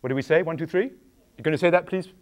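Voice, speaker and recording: A middle-aged actor from England talks rapid-fire in a slightly high voice. He leads children through an interactive show, peppering them with questions in a playful, animated manner, picked up by a clip-on microphone.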